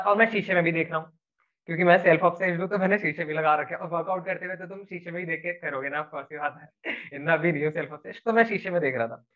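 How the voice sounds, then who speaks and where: A man telling a personal story in an earnest, rambling, casual way, slipping in English words. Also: a little high. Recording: tinny phone-like sound.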